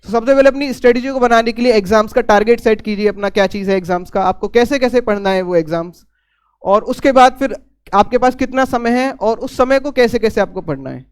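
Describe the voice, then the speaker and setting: A young man talks through study advice in an earnest, casual way. His voice sits high and sounds smooth and clear, and he often pauses on fillers and restarts mid-phrase. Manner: earnest, repeats himself, frequent fillers and restarts. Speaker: exam topper giving advice.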